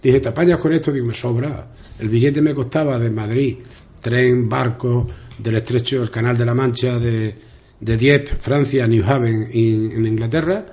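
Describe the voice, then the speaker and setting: A man's voice: medium pitch, fairly even intonation, normal speed, a little mellow. An older man from Spain with an Extremaduran accent, telling a long story in a rambling way as a radio interview guest, repeating words and acting out past conversations. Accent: Extremaduran Spanish. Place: local radio studio.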